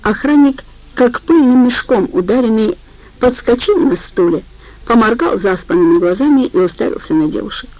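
A woman narrating a detective novel as an audiobook reader, in a steady, measured reading voice. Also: a little high, dry recording, rough recording. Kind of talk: scripted narration.

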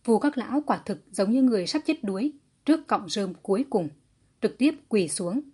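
A woman narrating a historical fantasy audiobook in a steady, even storytelling manner. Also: mid-range voice, moderate pace, husky.

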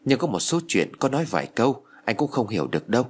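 An earnest, anxious father in a storybook, as a male narrator puts him on, pressing with urgent questions. His voice is husky and rises with lively inflection. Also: medium pitch, fast. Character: worried middle-aged father, earnest and polite.

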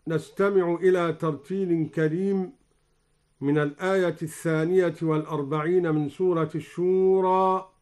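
A man teaching Quran recitation, explaining reading variants in a measured, formal way and chanting each quoted verse in slow recitation, recorded in a radio studio. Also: fairly high pitch, a little mellow.

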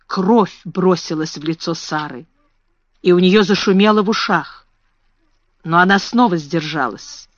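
A narrator reading a classic children's story aloud in an even, measured way. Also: mid-range voice, dry recording. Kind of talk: audiobook reading. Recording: dull lo-fi dry recording.

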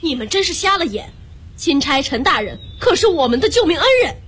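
A performer voicing a bold young swordswoman who shouts sharp commands in a radio story. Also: high-pitched, very animated, a little fast, a little hiss or hum, heavily acted. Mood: fierce.

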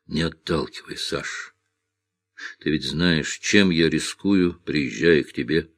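A man voicing a hardened, defiant aging outlaw in an audiobook, husky and blunt. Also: extremely low pitch, slow, a bit bright, no room sound, clean studio sound, pitched below the performer's own voice, exaggerated voice. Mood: tender. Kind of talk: audiobook character reading.

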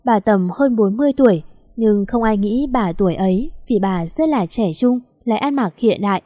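Woman reading a story out, plain even telling, mid voice, dry close mic. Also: medium pitch, normal speed, dry recording. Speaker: story narrator. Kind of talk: storytelling narration.

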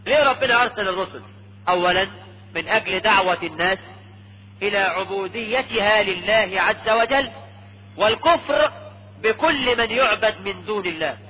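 A man preaching a lecture sermon in an Egyptian Arabic accent, lively and teasing, often checking his audience with a quick question. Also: sits high, breathy edge. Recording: dull lo-fi lecture tape with faint hum.

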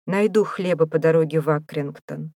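A woman reading a wry, brisk priest. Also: low voice, creaky, warm tone, no room sound, studio quality.

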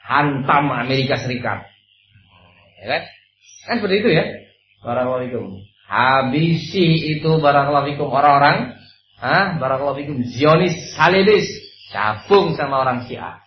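A man preaching an Islamic study sermon, lively and acting out the quoted dialogue, with a blessing phrase dropped in as a filler. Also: mid-range voice, normal speed, slight background noise. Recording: lo-fi echoey room recording.

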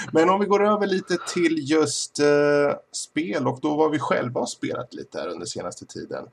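A man hosting a casual podcast chat, measured and steering the talk. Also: on the high side, lively intonation, creaky, slight background noise. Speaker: podcast host.

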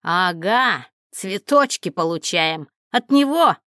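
A woman's voice: medium pitch, moderate pace, no room sound, clean studio sound, lightly acted. A woman voicing a jealous, pushy ex-husband. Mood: accusing. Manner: pushy, accusing. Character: stern jealous ex-husband, grown man.

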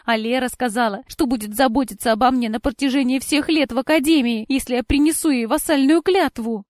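A woman voicing a bitter young woman who accuses her former friend of betrayal, in a shrill, tearful, indignant tone. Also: brisk, darkish tone, no room sound, studio quality, close to an everyday voice. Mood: resentful. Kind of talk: audiobook character voice.

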